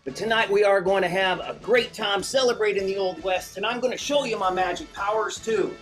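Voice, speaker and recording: A man's voice: sits high, brisk, a bit bright. A man working as a stage magician and host, giving folksy, theatrical Old West show patter in the hammy manner of a kids' party magician. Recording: music playing behind the voice. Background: show music.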